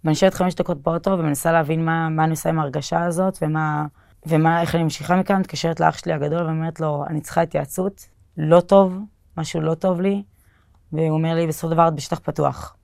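A woman's voice: sits low, vocal fry, a little mellow, no room sound, studio quality. A young woman telling her own story in a casual, spoken way, with fillers and restarts, acting out the lines she and others said. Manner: plain storytelling with many fillers and restarts, quoting herself and others. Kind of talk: casual spoken personal account.

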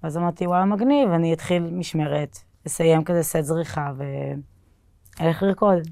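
A woman's voice: low-pitched, fairly even intonation, darkish tone, no room sound, clean studio sound. A young woman telling her own story in a casual, spoken way, with fillers and restarts, acting out the lines she and others said. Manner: plain storytelling with many fillers and restarts, quoting herself and others. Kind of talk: casual spoken personal account.

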